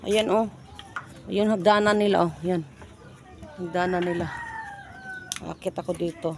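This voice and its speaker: A woman's voice: lowish voice, steady tone, measured pace, creaky, a little hiss or hum. A woman vlogging while climbing a hillside, out of breath and chatty, with a Cebuano accent. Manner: breathless, chatty, laughing often. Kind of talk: casual vlog, walking and chatting. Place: outdoors, hillside village.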